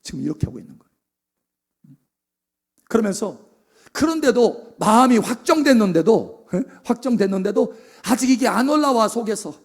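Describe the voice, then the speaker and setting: A man's voice: high voice, lively intonation, moderate pace, long pauses. A male pastor preaching a sermon, acting out prayers and asking the congregation questions.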